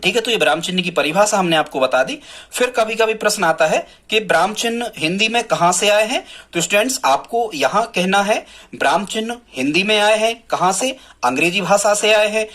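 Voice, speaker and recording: A man's voice: high voice, moderate pace, fairly bright tone. Man teaching a grammar lesson. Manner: addresses students often, repeats key answers.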